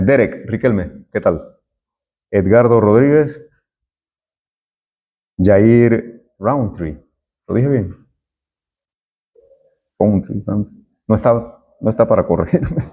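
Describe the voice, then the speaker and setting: A man's voice: on the low side, mellow, dull audio. A middle-aged man, a university lecturer taking roll and chatting with students in a classroom. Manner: friendly, chatty, jokes with students.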